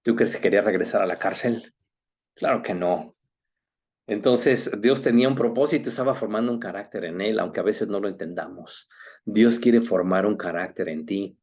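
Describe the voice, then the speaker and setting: A man's voice: fairly low pitch, moderate pace, darkish tone, breathy edge, highs cut off. A man, preaching a sermon as pastor in an earnest way, often rising into emphatic questions.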